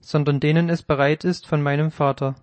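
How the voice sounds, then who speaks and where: A man reading the words of Jesus in a scripted audio Bible, with measured, solemn archaic phrasing. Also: a little high, little pitch movement, no echo, close to an everyday voice. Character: Jesus, calm grown male teacher.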